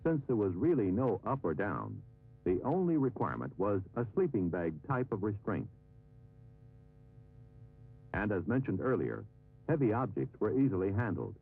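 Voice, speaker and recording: A man reading scripted documentary narration in formal, measured phrases. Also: lowish voice, sing-song, husky. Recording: narrow-band old film soundtrack with music.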